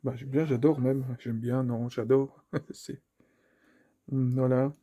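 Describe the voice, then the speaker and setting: A man's voice: mid-range voice, little pitch movement, takes it slowly, mellow. A man presenting a collectible figure at home in a rambling, self-mocking way, repeating his words. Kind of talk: casual unboxing chat. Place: home room, family heard in the background.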